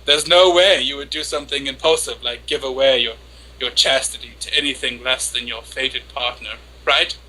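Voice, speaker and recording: Casting: male reader for lovestruck young anime woman, obsessive and flustered; hammy, theatrical dramatic reading, piercingly bright delivery. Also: mid-range voice, fairly even intonation, normal speed, low-quality recording. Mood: coy, embarrassed. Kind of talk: dramatic reading of an internet post.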